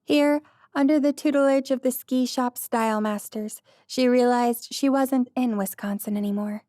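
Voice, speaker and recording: A woman reading a light-hearted romance audiobook, in an even storytelling manner, close to the mic. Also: on the high side, moderate pace, dry recording. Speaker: audiobook narrator. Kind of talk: scripted narration.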